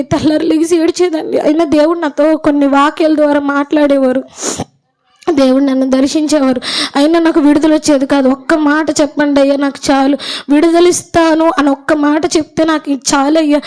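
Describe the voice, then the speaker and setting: A woman's voice: sits high, warm tone. A young woman giving an emotional, earnest personal testimony at a church gathering, speaking.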